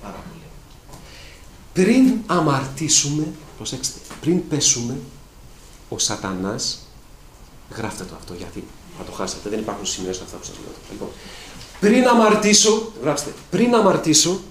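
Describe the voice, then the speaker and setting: A man preaching a sermon with emphatic delivery, swinging between loud, drawn-out declamation and quiet asides. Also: lowish voice. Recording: echoey room with faint ambient noise.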